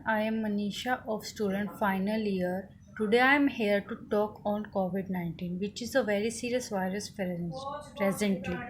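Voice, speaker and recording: A young woman with an Indian accent delivers a prepared student speech in halting, deliberate phrases. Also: medium pitch, rough recording. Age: young adult. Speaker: student contest speaker. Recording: faint background noise.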